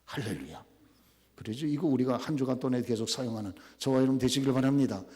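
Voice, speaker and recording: A male pastor preaching a sermon, dropping to soft asides, then shouting loud commands. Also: mid-range voice, lively intonation, fast. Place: church sanctuary. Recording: reverberant church hall.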